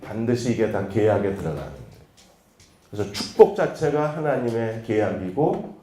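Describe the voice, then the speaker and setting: Pastor in an echoey church hall. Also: male voice, lowish voice, normal speed, slight background noise. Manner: lively storytelling, acting out dialogue. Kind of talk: church lecture.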